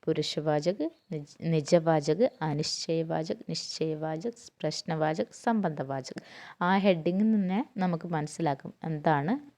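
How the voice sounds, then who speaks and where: Low-voiced woman teaching grammar. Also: unhurried, dark tone. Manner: asks questions and answers them herself; spells out lists term by term. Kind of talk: online grammar lesson.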